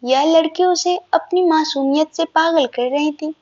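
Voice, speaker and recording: Woman narrator for an audio story, gentle steady reading, high voice, muffled sound. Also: unhurried. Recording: dull lo-fi recording.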